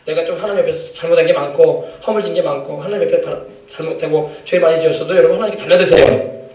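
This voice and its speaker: A male pastor preaches at a quick clip, with a high, bright voice. He stresses his points, calls out to the congregation and acts out family scenes. The sound is echoey, heard from a mic some distance away in a church hall. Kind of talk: sermon. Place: church sanctuary.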